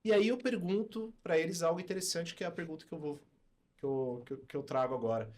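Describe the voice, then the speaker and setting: A man co-hosting a podcast discussion, posing questions to the other hosts in an animated way. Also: fairly high pitch, quick pace. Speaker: co-host, teacher.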